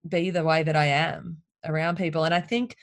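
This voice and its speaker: A woman speaking openly and emotionally in a casual conversation, telling her story with lively candour. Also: low voice, brisk, no room sound, studio quality. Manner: open, emotional, animated storytelling.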